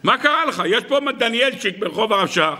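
A man's voice: sits high, sing-song, sharp tone, voice pushed up, heavily acted. A man voicing an exasperated mother scolding her son in the middle of a sermon story. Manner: exasperated, fussing. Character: scolding mother of a young boy.

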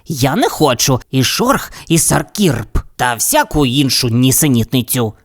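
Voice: medium pitch, animated, unhurried. A narrator doing a blustering greedy tomcat. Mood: scheming. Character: greedy, hot-tempered tomcat, loud and boastful. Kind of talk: storybook character voice.

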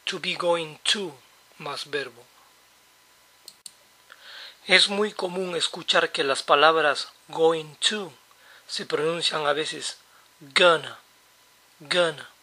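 A man's voice: fairly high pitch, pushed and bright. A man teaching English basics in Spanish, patiently explaining and repeating example phrases. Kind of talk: slow, explanatory lesson.

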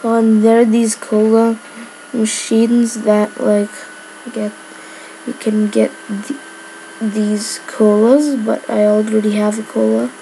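A woman's voice: fairly high pitch, level tone, slow, warm tone, slight background noise, low-quality recording. A woman giving casual gameplay commentary, rambling with lots of filler words. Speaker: gamer.

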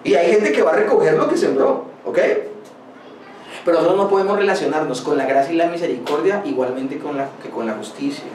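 A man preaching a sermon in a high, ringing voice, pressing his points with rhetorical questions and stories from his own ministry. He sounds set back from the mic in an echoey church hall. A faint hiss of noise sits under his voice. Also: a little fast, darkish tone, distant mic. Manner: emphatic preaching with rhetorical questions and personal anecdotes. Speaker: pastor.

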